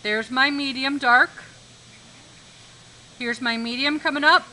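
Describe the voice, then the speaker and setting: A woman's voice: high voice, steady tone, takes it slowly, pushed and bright, slight background noise, low-quality recording. A woman art teacher giving a live demonstration lesson in a classroom, instructive, repeating key points and checking that students follow.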